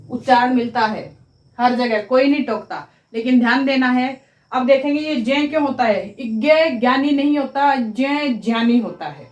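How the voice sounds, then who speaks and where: A woman teaching grammar in a slow, deliberate way. She repeats each sound for pronunciation and checks with her students that they follow. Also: on the high side, roomy sound, highs cut off. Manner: addresses viewers as students, checking understanding. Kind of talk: classroom-style explanation at a board.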